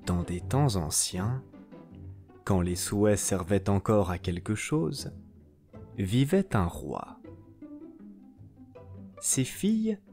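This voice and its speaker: A man's voice: low-pitched, sing-song, darkish tone, soft background music. A man narrating a fairy tale in a scripted storytelling style. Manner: slow, melodic storytelling.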